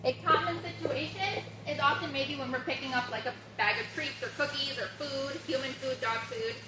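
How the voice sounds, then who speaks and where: A woman dog trainer giving an upbeat, instructive demonstration at home, recorded by a camera across the room. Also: normal speed. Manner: upbeat, instructive, bursts into high-pitched baby talk for the dog. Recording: roomy, distant camera sound, faint room noise.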